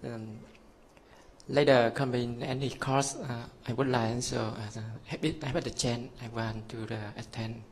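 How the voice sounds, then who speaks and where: A man from Vietnam, a course participant, giving halting thanks in broken phrasing. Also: mid-range voice, level tone, slight background noise.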